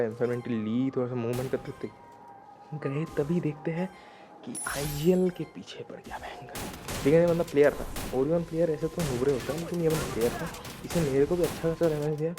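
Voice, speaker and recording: Young man doing excited game commentary over music. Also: medium pitch. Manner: excited, slangy, talks to viewers as "bhai". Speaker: gameplay commentator. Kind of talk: casual gameplay commentary. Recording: voice-over with loud background music.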